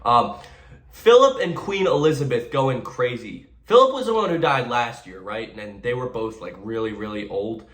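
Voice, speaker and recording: A man rambles through sarcastic commentary on a run of memes, stumbling over his words and repeating himself as he goes. His voice sits at an ordinary middle pitch. The recording has a noticeable echo, as if made in a bare room. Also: expressive, moderate pace, fairly bright tone. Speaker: meme reaction commentator. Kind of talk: casual comedic commentary.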